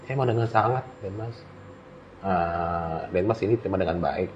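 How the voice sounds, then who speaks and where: A man voicing a solemn male mountain caretaker who speaks in a hushed, formal, pleading way. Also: sits low, normal speed, lo-fi sound, a little hiss or hum, voice pushed down, lightly acted.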